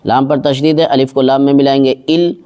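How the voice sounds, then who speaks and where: A man teaching Quran recitation step by step. He patiently explains each letter and mark, then recites the verse slowly and drawn out. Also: mid-range voice, level tone, dark tone.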